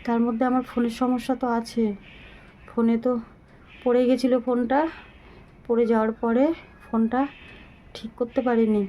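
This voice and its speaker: Middle-aged woman vlogger, short of breath and weak, flat halting delivery, mellow phone-camera sound. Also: on the high side, low-quality recording. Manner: slow, halting, pleading. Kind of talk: casual talk to viewers.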